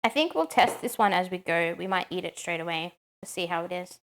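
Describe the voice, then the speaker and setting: A woman's voice: lowish voice, expressive, fairly quick, a bit bright. A woman chatting casually on a live stream while she cooks at home, answering chat with lots of "um"s.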